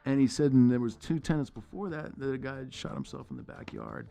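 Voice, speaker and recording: A male host chatting casually and telling stories, animated at times and dropping to low mutters for asides. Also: fairly quick, creaky. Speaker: podcast host. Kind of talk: casual chat. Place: studio suite.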